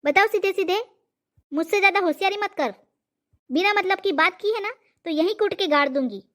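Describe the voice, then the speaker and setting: A woman voicing a fierce old cartoon mother who scolds without pause, sharp-tongued and loud with insults. The voice sits high for an old woman. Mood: angry interrogating. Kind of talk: cartoon comedy voice acting.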